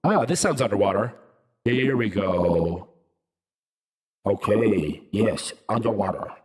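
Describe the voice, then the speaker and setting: A man's voice: lowish voice, lively intonation, slow pace, darkish tone, slightly rough. A man streaming live, talking through an underwater gurgling voice filter as he tests voice effects. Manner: testing voice effects, reacting to chat. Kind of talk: casual live-stream chat. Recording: voice effect with music behind. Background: music.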